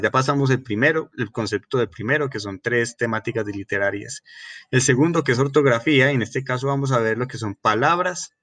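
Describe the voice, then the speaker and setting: A Colombian man gives a class lecture at a mid-range pitch. He explains patiently, restarting phrases and tagging his points with quick checks to the class. The sound is dry and close, with no room echo. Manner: explanatory, frequent fillers and restarts, checks with "¿cierto?". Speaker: teacher.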